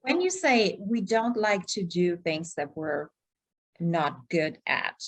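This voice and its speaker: Thoughtful low-voiced woman podcast host. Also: sing-song, slow pace, no room sound. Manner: thoughtful, lays points out in order. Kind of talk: casual podcast conversation.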